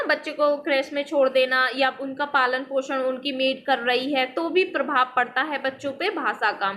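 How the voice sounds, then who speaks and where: A woman's voice: high voice, sharp tone, slight background noise. A woman teaching an exam-prep lesson, explaining step by step and often checking in with her listeners. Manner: explanatory, repeats "theek hai" as a check-in.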